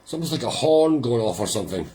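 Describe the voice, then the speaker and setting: A man hosting a live listening party, chatting casually and rambling with quiet amusement as the record plays. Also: mid-range voice, sing-song, fast talker, breathy edge.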